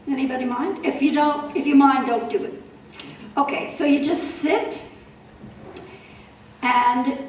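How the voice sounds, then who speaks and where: A middle-aged woman giving a wellness talk to a support group, telling stories in a lively way with animated asides. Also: on the high side. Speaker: wellness speaker. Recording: roomy hall, voice from far off, faint noise.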